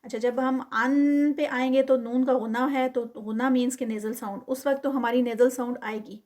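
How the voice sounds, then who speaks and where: Woman teaching Quran recitation, slightly high-pitched. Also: steady tone, darkish tone. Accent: Pakistani Urdu. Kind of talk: tajweed lesson, modelling each word then explaining.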